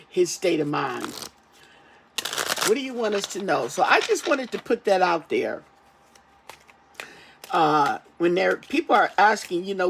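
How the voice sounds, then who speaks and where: A tarot reader talking casually to camera while getting over an illness, halting and repetitive, often tagging phrases with a questioning check-in. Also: mid-range voice, vocal fry, noisy background. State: recovering from an ear infection. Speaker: tarot reader, channel host.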